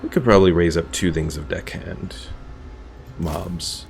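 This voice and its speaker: A young man provides casual commentary for a strategy game stream, reasoning out loud and explaining the game's mechanics as he goes. His low voice is creaky and slightly mellow, delivered at a measured pace over game music.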